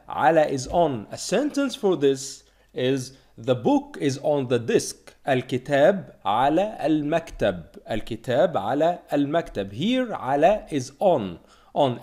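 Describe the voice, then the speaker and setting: A man from Egypt, teaching a language lesson and slowly repeating each word to drill it. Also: fairly high pitch, a little mellow. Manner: slow, repeated drilling of words. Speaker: Arabic teacher.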